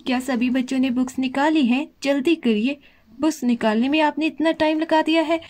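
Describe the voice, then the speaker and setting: A woman's voice: sits high, a little fast, darkish tone, close to an everyday voice. A woman voicing a strict female schoolteacher doll in a doll play story, bossy and hurrying the class along. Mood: stern.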